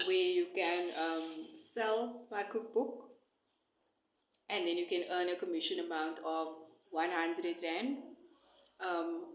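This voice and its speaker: A woman food vlogger with a fairly low voice talks casually to camera. She rambles hesitantly in short phrases with pauses between them. The phone recording has a clearly echoey room sound. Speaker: food vlogger and cookbook author. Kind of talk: casual eat-along chat to camera. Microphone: phone close by, no attached mic.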